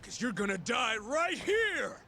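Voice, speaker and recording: An actor playing a menacing, hot-tempered yakuza thug in a video game, confrontational in manner. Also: male voice, very high-pitched, sing-song, a little slow, pushed and bright, a little hiss or hum, full character voice. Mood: enraged. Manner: aggressive, confrontational.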